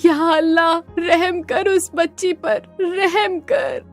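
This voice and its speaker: A woman's voice: very high-pitched, slow, soft background music, exaggerated voice. A woman voicing a stubborn, loving old grandmother, scolding and grieving in a cartoon story. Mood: weeping. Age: over 60.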